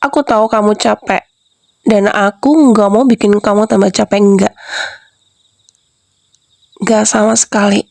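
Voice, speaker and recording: A woman's voice: mid-range voice, steady tone, a little slow, vocal fry, long pauses, darkish tone, dry recording. A young woman voicing a clingy, manipulative wife in an ASMR role-play, doting at first and then questioning and defensive.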